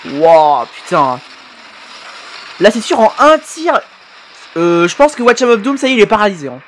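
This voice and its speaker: A man reacting to videos in casual commentary, his voice set fairly high and swinging widely in pitch. He gets excited fast, swears freely and exclaims at what he sees, with plenty of hesitant fillers and self-corrections along the way. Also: slight background noise. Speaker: YouTube reaction host.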